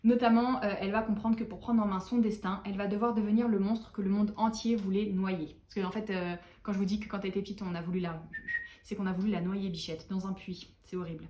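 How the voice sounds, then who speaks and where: A tired young woman chatting casually to camera as a book vlogger, animated and self-mocking. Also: mid-range voice, fast talker. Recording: echoey room.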